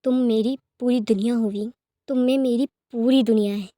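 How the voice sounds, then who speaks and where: A woman voicing a fierce, protective young man in love who pleads earnestly and forcefully. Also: on the high side, fairly even intonation, moderate pace, dry recording, clean studio sound, lightly acted. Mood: tender.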